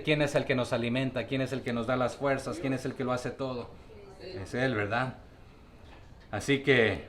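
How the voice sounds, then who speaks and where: A man's voice: fairly high pitch, fairly bright tone. A man teaching a Bible study to his congregation, often asking questions and using fillers.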